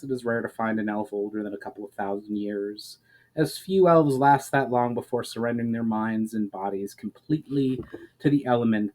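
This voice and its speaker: A man voices a grave, ancient elf for a fantasy storybook reading, explaining things in a measured, formal manner. His mid-range voice has a darkish tone and is only lightly acted, and the recording is rough.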